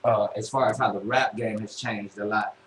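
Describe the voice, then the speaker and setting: A man hosting a casual interview on an internet radio show, talking in a relaxed, drawling way with many fillers. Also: fairly low pitch, normal speed. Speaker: radio host. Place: radio studio room. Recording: echoey room, faint noise.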